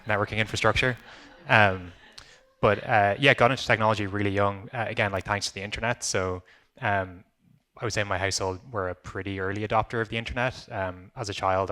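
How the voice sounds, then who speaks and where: A young Irish man, a company founder, speaking on a panel in a relaxed way with many fillers. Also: low-pitched. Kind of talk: panel discussion.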